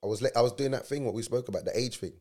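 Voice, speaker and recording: A man's voice: medium pitch, rapid-fire, warm tone. A man in his thirties with an urban London roadman accent, chatting casually in heavy slang as an interview guest. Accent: London, urban street. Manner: slangy, peppered with check-in tags. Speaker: guest, professional footballer. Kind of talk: casual chat.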